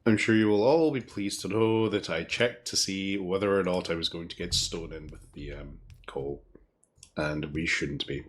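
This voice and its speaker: Deep-voiced man teasing in game chat. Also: steady tone, normal speed. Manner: dry teasing, office-jargon jokes. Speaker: speedrunner. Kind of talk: casual chat while gaming.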